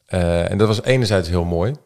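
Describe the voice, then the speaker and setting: A Dutch man, a pastor's son, telling childhood stories in a casual talk, with many pauses and fillers. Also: sits low, a little mellow. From Netherlands. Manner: hesitant, filler-heavy storytelling. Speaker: guest. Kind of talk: casual podcast conversation.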